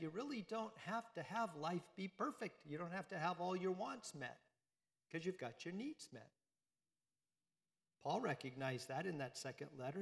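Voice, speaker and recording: A man's voice: fairly high pitch, vocal fry, long reverb tail. A man giving a conversational sermon to a congregation, often repeating phrases and asking them questions. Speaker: priest. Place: church.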